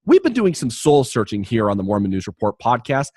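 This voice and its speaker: Lively, jokey male podcast host. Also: mid-range voice, fairly quick, husky, no room sound, clean studio sound. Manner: jokey, rambling, many restarts. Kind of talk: casual podcast chat and promo read.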